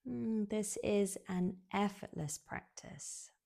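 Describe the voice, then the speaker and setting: Speaking in a mid-range voice, a woman guides a yoga nidra relaxation session. She soothes without rushing, leaves long silences, and lets each phrase end on a gentle, breathy note.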